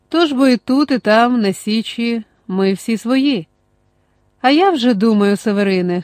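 A woman reading the lines of an older silver-mustached male Cossack who calls out warmly and loudly. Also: a little high, no room sound, studio quality, lightly acted. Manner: calls out warmly, excited exclamations.

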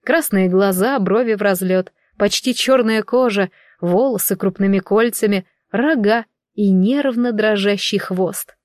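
A woman's voice: medium pitch, measured pace, few pauses, a little mellow, no room sound, clean studio sound. Woman reading a wry fantasy story. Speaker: audiobook reader. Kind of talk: first-person fantasy audiobook narration.

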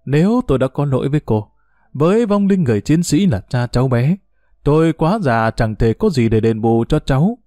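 A man's voice: mid-range voice, animated, fairly quick, warm tone, no echo, studio quality, lightly acted. A man voicing a proud, teasing old retired official who talks in a boastful, bureaucratic way. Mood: gentle.

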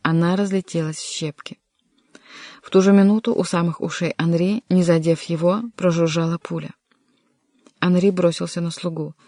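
An audiobook narrator reading a historical adventure novel in an even, measured way. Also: mid-range voice, no echo, studio quality. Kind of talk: scripted narration.

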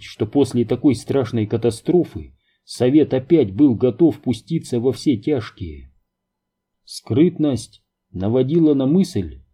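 A man narrating an audiobook in a steady, measured reading. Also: medium pitch, slightly rough. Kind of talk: scripted narration.

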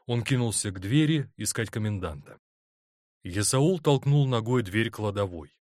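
Low-voiced male audiobook narrator. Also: normal speed, no room sound, clean studio sound. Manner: expressive, dramatic reading. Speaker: audiobook reader. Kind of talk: scripted narration.

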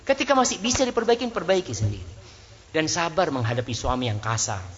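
Man preaching with sudden high rises. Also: very animated, fast. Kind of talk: sermon. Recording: slightly dull lo-fi sound.

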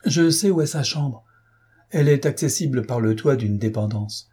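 A man voicing a sharp, coolly logical male detective, speaking in a grave, measured and insistent way. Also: medium pitch, husky, lightly acted. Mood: urgent.

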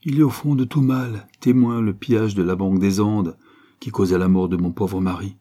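A man's voice: fairly low pitch, fairly even intonation, moderate pace, mellow, husky. A man reading an audiobook aloud, voicing a grieving widowed mother who speaks with solemn sighs. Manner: sighing, solemn.

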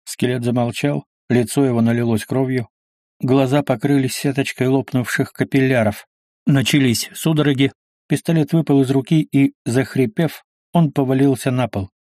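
A man narrating an action audiobook in a steady, dramatic reading. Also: mid-range voice, normal speed, no echo, clean studio sound.

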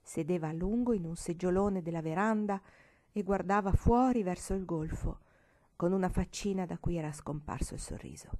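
A woman reads a storybook aloud with a mellow, warm tone. Her reading is expressive, and her voice sometimes drops to a whisper. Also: lowish voice, normal speed. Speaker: audiobook reader.

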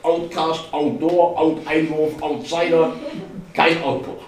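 A sarcastic, exasperated office researcher in a reading of a novel, as a man puts him on, pitched well above the reader's own voice, his words edging toward a crack. It is heard from a distance in an echoey hall, with faint noise behind. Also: flat delivery, slow, darkish tone. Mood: indignant.

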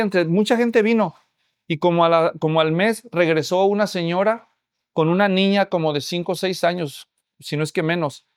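A man's voice: high-pitched, no room sound, studio quality. A middle-aged man preaching a sermon as a pastor, telling a story and addressing the congregation directly.

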